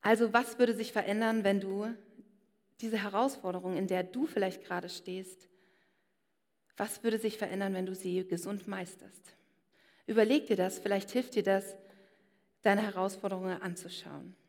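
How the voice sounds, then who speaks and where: A woman's voice: medium pitch, fairly even intonation, normal speed, darkish tone. A woman giving a personal sermon and speaking straight to her listeners. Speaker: preacher. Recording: long hall reverb.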